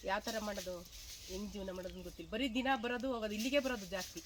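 A woman's voice: mid-range voice, very fast, heavy background noise. A rural woman farmer speaking outdoors in her field, worried and pleading as she tells an interviewer her complaint. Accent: Kannada, Hassan rural.

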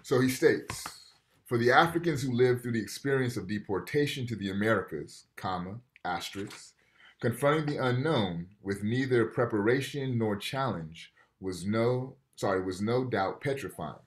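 Lecturing informally to a college class from home over a video call, a thirtysomething man reads passages and talks through them in a conversational way. His medium-pitched voice is expressive and moves at normal speed, captured by a webcam mic.

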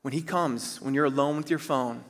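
A man in his thirties, a pastor preaching on a church stage, earnest and emphatic, slowing to stress key phrases. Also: medium pitch. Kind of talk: sermon. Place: large church stage, indoors. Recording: reverberant church hall.

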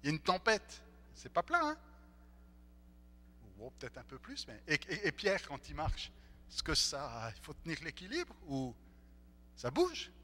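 A man preaching a sermon as pastor, speaking in an animated way and acting out the voices of the people in the story. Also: on the high side, unhurried, pauses often. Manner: animated, acts out the disciples' voices. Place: church. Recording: echoey church hall, faint hum.

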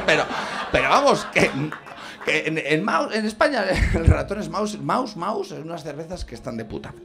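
Spanish male comic, high animated voice, ranting club set over audience laughter. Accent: Spain Spanish. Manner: rambling, exasperated, peppers lines with "¿sabes?". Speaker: stand-up comedian. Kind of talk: stand-up monologue.

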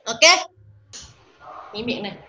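A woman teacher giving an online English pronunciation lesson, drilling words slowly and coaxing her class in a chatty, teasing way. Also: a bit bright. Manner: drills words slowly, stretching each sound.

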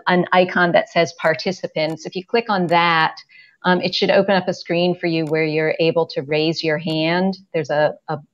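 An older woman moderating a press conference over a video call, talking slowly with many pauses and fillers, on earphones from home. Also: lowish voice. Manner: hesitant, filler-heavy, slow. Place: home room indoors. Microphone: earphone headset on video call. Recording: dull lo-fi video call audio.

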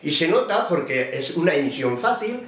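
A man's voice: on the high side, sing-song, moderate pace, fairly bright tone, roomy sound. A man giving a vocal technique lesson, explaining patiently and speaking to his student by name. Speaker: voice teacher.

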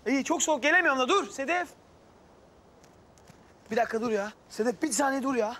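A man's voice: extremely high pitch, animated, brisk, pushed and bright, a little hiss or hum, exaggerated voice. An actor playing a flustered, lovesick young man who rambles defensively and pleads. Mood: shouting. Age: young adult. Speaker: lead actor in a TV comedy series.

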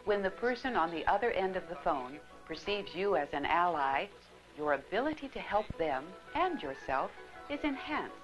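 A middle-aged actress plays a receptionist and narrator in a scripted 1980s training film, sounding polite and clearly instructive through narration and acted dialogue. Her female voice sits on the low side with big pitch swings at a moderate pace. The audio is poor, a 1980s film soundtrack with faint music.

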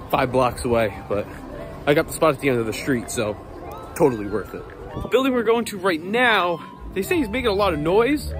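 This man in his thirties vlogs his job as an HVAC technician, talking off the cuff and half to himself. He holds his phone at arm's length, often while squeezed into tight boiler basements. His voice sits high.

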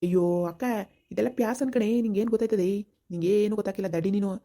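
A woman's voice: medium pitch, very fast, warm tone, close to an everyday voice. A woman playing a swaggering rowdy village son. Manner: swaggering, boastful, wheedling for money. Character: cocky, show-off young village son. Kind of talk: village comedy skit.

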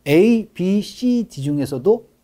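A man's voice: sits high, lively intonation, very slow, dark tone. A middle-aged man, a real estate expert guest, explaining things in an interview with emphatic stress on key words.

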